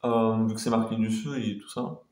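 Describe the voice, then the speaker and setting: A man's voice: on the low side, little pitch movement, moderate pace, a little mellow. Male food vlogger, hesitant and repetitive, informal chat to camera, recorded in an echoey room. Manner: hesitant, rambling, repeating himself. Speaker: food taste-test vlogger. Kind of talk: casual chat to viewers. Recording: roomy echo, faint background noise.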